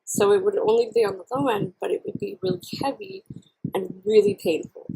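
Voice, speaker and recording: A woman chatting candidly and casually to camera in a halting, reflective way, chewing while she talks. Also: medium pitch, very animated, creaky, warm tone, breathy edge, low-quality recording. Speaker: vlogger. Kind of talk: casual personal chat to camera while eating.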